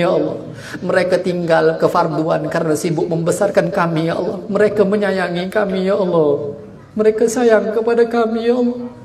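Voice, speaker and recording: A man preaching at an evening religious gathering, telling stories with animation and leading a long chanted prayer. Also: sits high. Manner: animated storytelling, chanting supplications. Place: community prayer house during a gathering. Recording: roomy, mic at a distance.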